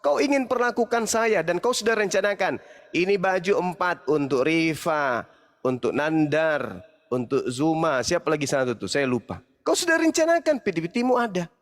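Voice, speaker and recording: A man's voice: fairly high pitch, animated, moderate pace. A man, an Islamic preacher delivering a heated, mocking monologue of repeated rebukes. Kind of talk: angry scolding monologue. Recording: long hall reverb.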